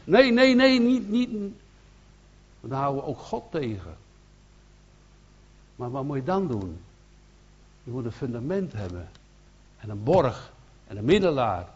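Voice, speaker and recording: Male evangelist, Dutch accent, husky middle voice, earnest sermon with emphatic swells, dull lo-fi recording. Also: medium pitch, sing-song, a little slow, pauses often, a little mellow. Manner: earnest, repetitive restarts, rising to emphatic bursts. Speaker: evangelist preacher.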